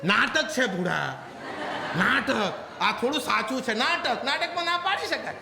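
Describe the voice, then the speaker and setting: A man's voice: very high-pitched, expressive, fairly quick, echoey room, long reverb tail, background noise, pitched above the performer's own voice. A man voicing a stern nun who directs a children's play, scolding and insistent. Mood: exasperated.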